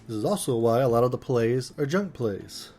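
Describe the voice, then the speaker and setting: A man's voice: medium pitch, animated, moderate pace, warm tone, faint music behind. A male podcast host in casual solo chat, playful and chatty, talking while he eats.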